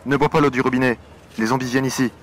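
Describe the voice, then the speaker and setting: A man's voice: medium pitch, fairly even intonation, rapid-fire, lightly acted. A man playing a desperate, protective father in an audio horror drama, speaking urgently and insistently. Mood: alarmed. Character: desperate protective father warning of zombie attack.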